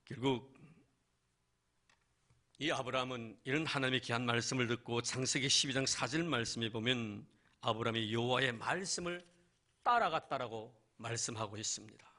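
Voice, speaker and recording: A man's voice: medium pitch, normal speed, sharp tone. A male pastor preaching a sermon in church, asking rhetorical questions and addressing the congregation directly.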